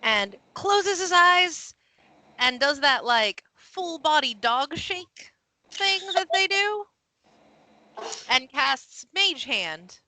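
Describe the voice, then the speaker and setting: A woman narrating as game master of a tabletop game, animated and quick with asides. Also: high-pitched, poor audio.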